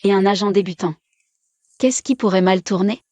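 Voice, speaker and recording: A woman's voice: medium pitch, normal speed, mellow, dry recording, close to an everyday voice. A woman dubbing a scheming young heiress who makes wry, sardonic asides. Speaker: heiress posing as a junior real estate agent. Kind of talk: French dub of a short drama.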